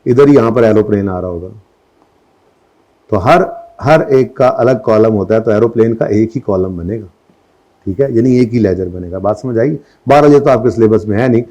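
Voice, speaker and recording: Mellow-voiced accountancy lecturer. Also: male voice, fairly low pitch, normal speed. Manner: mixes English terms into Urdu speech, scolding, asks checking questions. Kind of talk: classroom lecture. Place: classroom.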